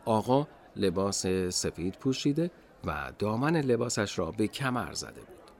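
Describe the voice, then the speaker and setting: A man narrating a children's radio storybook slowly and expressively. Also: on the low side, big pitch swings, gravelly.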